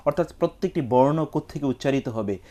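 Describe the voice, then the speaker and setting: A man, an Islamic scholar, giving measured, teacherly answers on a live television question-and-answer show, weaving in Arabic quotations. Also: mid-range voice, lively intonation, warm tone. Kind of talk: explanatory religious talk. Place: television studio.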